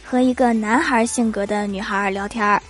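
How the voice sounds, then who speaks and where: A young woman telling comic stories about awkward chats in an amused, animated way. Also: medium pitch, moderate pace, faint music behind. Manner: animated, amused read-out of chat jokes. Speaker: storyteller. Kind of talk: comic storytelling.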